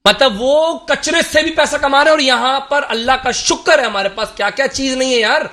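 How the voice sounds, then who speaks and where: A man's voice: extremely high pitch, sharp tone. A man from Karachi, a guest on a political talk show, arguing in an impassioned, emphatic, rhetorical way. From Karachi, Pakistan.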